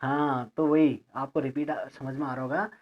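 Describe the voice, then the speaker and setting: A man teaching an English grammar lesson, explaining each word slowly, spelling it out letter by letter and checking in with his students. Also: medium pitch, fairly even intonation. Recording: lo-fi recording.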